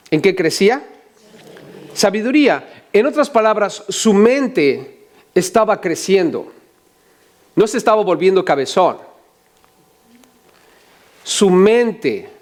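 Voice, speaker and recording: High-voiced older male pastor preaching. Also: a little mellow. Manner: asks the congregation questions, joking asides. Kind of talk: sermon.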